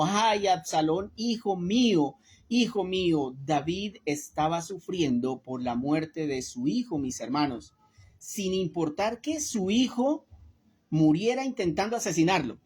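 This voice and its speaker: A woman's voice: sits low, darkish tone, slight background noise. A woman giving an earnest Bible study sermon, speaking to her listeners as brothers and asking them rhetorical questions. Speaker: Bible teacher.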